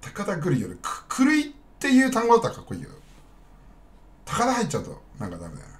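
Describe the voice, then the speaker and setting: A man's voice: sits high, huge pitch swings, fast. A man chatting casually on a live stream, rambling bluntly and talking straight to his viewers.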